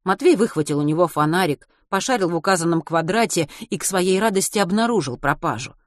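A woman narrating an audiobook in a steady, even storytelling manner. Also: fairly low pitch, fast talker, no echo, studio quality.

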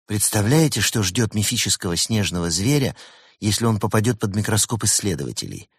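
A man's voice: lowish voice, lively intonation, a little fast, slightly rough, no echo, studio quality. A man voicing a worried, earnest male tiger in a storybook reading.

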